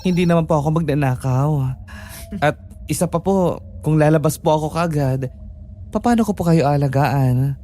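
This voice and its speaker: A woman's voice: low-pitched, mellow, a little hiss or hum, natural voice. A woman playing a sassy, fearless young nurse. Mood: earnest. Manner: teasing, sassy, quick comebacks. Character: cheeky, fearless young female private nurse. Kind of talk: audio drama acting.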